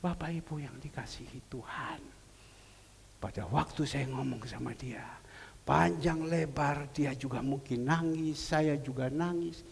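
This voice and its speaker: Brief: male pastor, gravelly voice, swings from hush to loud emotional peaks, church reverb. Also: fairly high pitch, measured pace, a little hiss or hum. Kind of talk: sermon.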